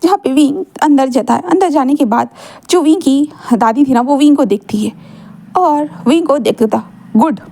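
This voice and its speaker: Woman storyteller, chatty casual narration, high pitch, mellow tone, keeps checking in. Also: normal speed, creaky. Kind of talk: casual fan-fiction narration.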